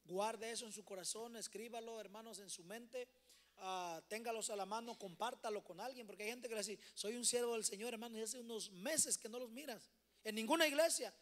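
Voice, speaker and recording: A man teaching a church Bible study with a fairly high voice. He exhorts the congregation and keeps calling them brothers. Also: a little fast, a bit bright. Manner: exhorting, addresses listeners as brothers. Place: church hall.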